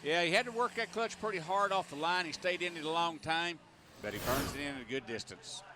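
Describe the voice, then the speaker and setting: A male tractor pull announcer with a high-pitched voice calls the action in folksy, colloquial phrases. He is recorded over loud outdoor track noise and vehicle engines. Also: fairly quick. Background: outdoor ambience and vehicle engines.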